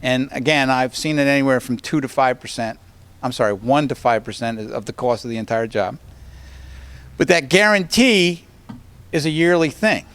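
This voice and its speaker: Male consultant at a public board meeting; conversational, example-driven, checks in with listeners often; mid-pitched. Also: expressive, normal speed, fairly bright tone, clean tone. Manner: conversational, walks through examples, keeps checking with "okay?". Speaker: energy consultant advising a school board. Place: school board meeting room.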